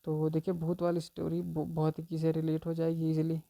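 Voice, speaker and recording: A man coaches exam students through memory tricks in a loose, conversational way, checking in with "theek hai" after nearly every phrase. His voice is gravelly and dark in tone. He delivers it all on a flat, even line with little rise or fall. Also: a little high, moderate pace. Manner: repeats "theek hai" constantly, chatty and informal.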